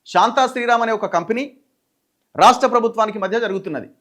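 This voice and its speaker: A journalist with a high, light voice and a Telangana Telugu accent recounts a court story. He retells it animatedly, restarting his sentences often and acting out the quoted lines. He speaks casually, in the manner of a commentator. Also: fast, a bit bright. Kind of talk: political news commentary.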